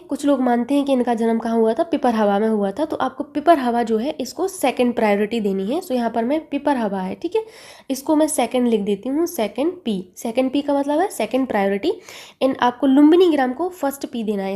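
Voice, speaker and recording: A woman teaches an exam-prep lesson with a warm, mellow tone and a fairly high pitch. She asks a short question, answers it herself, and repeats the key word so it sticks. She talks close to the mic.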